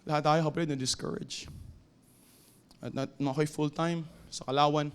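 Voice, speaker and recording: A man with a Filipino accent preaching a sermon in a church, swinging between shouted exhortation and low, quiet storytelling. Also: steady tone, moderate pace, clear, resonant tone. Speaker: pastor. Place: church sanctuary.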